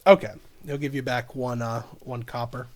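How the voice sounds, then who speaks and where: A man's voice: medium pitch, steady tone, moderate pace. A man narrating a tabletop game as game master, chatty and often laughing between descriptions.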